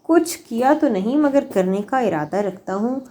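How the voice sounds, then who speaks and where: A woman's voice: fairly high pitch, expressive, dark tone, lightly acted. A scheming older male villain in an audio novel, voiced by a woman reader. He speaks in short, cold commands and brooks no argument. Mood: commanding, cold. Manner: curt, commanding. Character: scheming older man, a commanding, predatory father.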